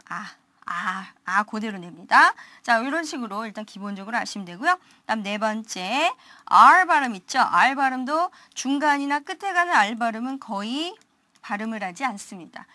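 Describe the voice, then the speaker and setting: A woman's voice: fairly high pitch, pushed and bright, no room sound. A woman teaching a TOEIC listening class in a recorded online lecture, asking rhetorical questions and modeling English words with exaggerated pronunciation.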